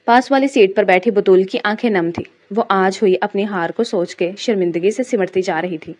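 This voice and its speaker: Woman reading a romance story aloud, measured, mid voice. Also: medium pitch, a little mellow. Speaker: narrator. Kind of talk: scripted narration of a romantic audio novel.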